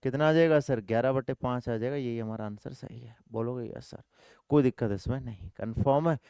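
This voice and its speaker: Male math teacher, call-and-response style, repetitive, smooth clear voice, dry close sound. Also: mid-range voice, a little fast, mellow, no echo. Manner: repetitive call-and-response, puts answers in students' mouths; affectionate coaxing, calls students 'my dear brother'. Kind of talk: online exam-prep math lesson.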